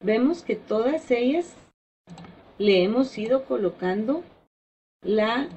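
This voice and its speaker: A woman teaching a slide-based spelling lesson, slow and deliberate, drawing out example words and stressing each syllable. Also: on the high side, darkish tone, dull audio, a little hiss or hum.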